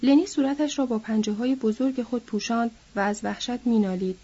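Woman reading a book out loud, kinda higher voice, mellow and dull lo-fi sound. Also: slightly rough. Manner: steady storytelling, lifting her voice for quoted characters. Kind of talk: reading a novel aloud. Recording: dull lo-fi recording.

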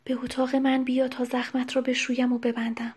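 An anxious young noblewoman, read by a woman narrator, speaks in hushed, urgent tones. Her voice sits fairly high and her pitch stays narrow. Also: level tone, slightly rough.

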